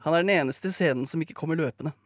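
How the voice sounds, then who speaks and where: A man narrating a live comedic radio play, reading brisk, dry stage directions. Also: a little high, no room sound.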